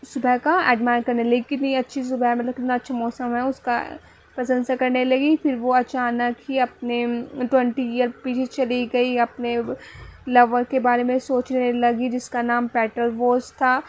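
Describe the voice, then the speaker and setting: A woman gives an exam-focused literature lecture in a high, fairly even voice. She explains in Hindi and reads her English notes at a slow, halting pace, repeating and correcting words as she goes. The recording sounds a little dull and lo-fi. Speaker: teacher.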